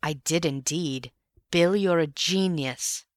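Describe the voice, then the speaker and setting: A woman's voice: sits low, takes it slowly, dry recording, studio quality. A woman reading a cool, wry young man. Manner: calm, wry and composed.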